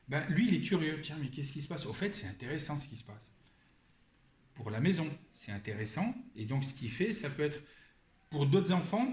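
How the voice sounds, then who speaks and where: Middle-aged dad on a webinar call, slightly high voice, stop-start telling, roomy echo. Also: male voice. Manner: hesitant, with many restarts and quoted dialogue. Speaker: parent speaking in a webinar. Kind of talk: informal testimony in a webinar. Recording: echoey room, faint background noise.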